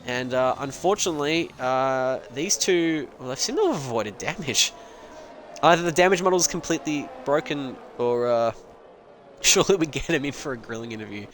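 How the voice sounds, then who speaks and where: A young man calls a sim race live in an offhand, rambling way, with quick jokes and the odd swear. His voice sits in an ordinary middle pitch. Faint engine noise hums behind him. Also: expressive, a bit bright. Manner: casual, rambling, swears and laughs. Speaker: race commentator. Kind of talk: live esports race commentary.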